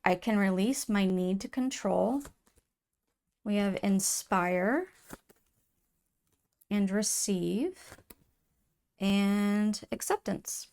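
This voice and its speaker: A woman giving an earnest, emotional tarot reading to her viewers, soft-spoken, with many fillers and restarts. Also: mid-range voice, expressive, drawn-out words, vocal fry, pauses often, clean tone. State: tearful at times. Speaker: tarot reader. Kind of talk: intuitive tarot reading to camera.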